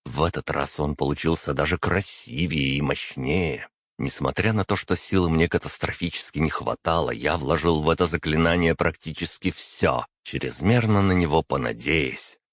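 A man narrates a first-person fantasy audiobook in a steady, measured way. His voice is extremely deep, and the recording is dry and close with no room sound. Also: no echo.

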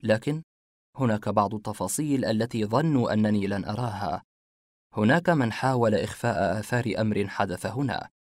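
A man narrating a horror mystery story in a measured, suspenseful reading. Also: fairly low pitch, no echo, clean studio sound.

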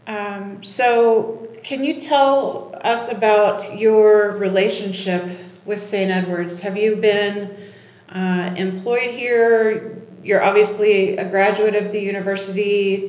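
A woman's voice: mid-range voice, steady tone, slow pace, a little mellow. A woman interviewer opening an oral history interview with a formal scripted introduction and questions. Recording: roomy echo.

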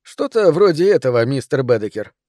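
A man doing a calm, patient doctor. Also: mid-range voice, no room sound, studio quality, lightly acted. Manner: calm, measured, reassuring.

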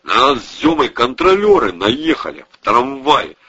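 A man doing a loud blustering young gangster. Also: medium pitch, huge pitch swings, normal speed, breathy edge, voice pushed up, full character voice. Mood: indignant. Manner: shouting, crude slang, boastful. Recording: dull lo-fi recording.

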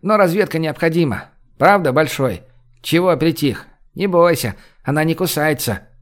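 A brash, joking man who runs the group, played by a male audiobook reader. He talks loud and bossy, with a pushed, lifted voice. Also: on the high side, lively intonation, moderate pace, pitched above the performer's own voice, lightly acted.

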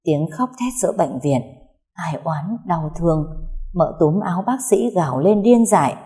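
A woman reads a story aloud in a steady, emotive way. Her voice is low and mellow with a warm darkness. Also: moderate pace. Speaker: narrator. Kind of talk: storybook narration.

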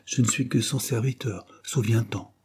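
A man's voice: mid-range voice, normal speed, a little mellow, breathy edge. A man reading the part of a thin, sober Quaker clerk who speaks in dry, brief, formal phrases.

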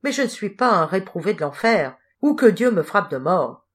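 A woman's voice: mid-range voice, big pitch swings, normal speed, lightly acted. A woman voicing a poor, proud young poet and thief who answers back with heated indignation. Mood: indignant.

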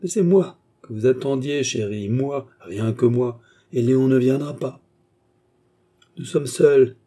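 A man's voice: lowish voice, a little slow, dark tone, husky. A man voicing a lecherous, mocking old villain in an audiobook, jeering and gloating. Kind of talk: audiobook reading.

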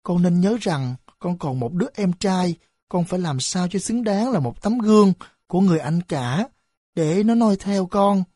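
A woman's voice: fairly low pitch, expressive, moderate pace, dark tone, dry recording, studio quality. A woman voicing a tearful, resolute mother who speaks with a trembling voice in an audiobook. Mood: grieving.

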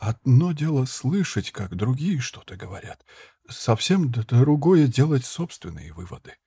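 A man voicing a calm young monk who speaks quietly and gently, with a slight stammer. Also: mid-range voice, a little slow, vocal fry, slightly rough, no room sound, studio quality, full character voice. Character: calm young monk Tomas, soft-spoken.

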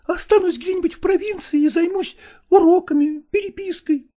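A woman's voice: very high voice, moderate pace, dark tone. A woman voicing a stubborn young novice actress in an audiobook drama, insistent and pleading.

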